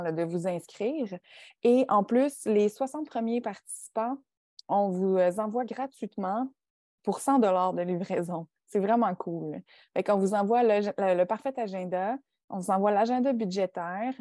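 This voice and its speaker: Mellow Quebec French woman hosting casually. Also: mid-range voice, dry recording, studio quality. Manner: colloquial, peppered with English words. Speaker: podcast host. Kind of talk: casual podcast chat.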